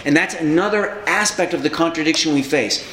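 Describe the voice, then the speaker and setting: A man's voice: a little high, a little fast. A man telling stories about his years of political organizing in a conversational way, now and then acting out the people he met. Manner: animated, acts out quoted people. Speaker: socialist activist recounting past organizing. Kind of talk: conversational storytelling. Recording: echoey room, faint background ambience.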